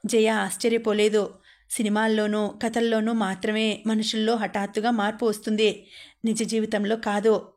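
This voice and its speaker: A woman narrating an audiobook novel in a steady, even manner. Her mid-range voice barely rises or falls as the story moves along. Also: medium pitch, moderate pace.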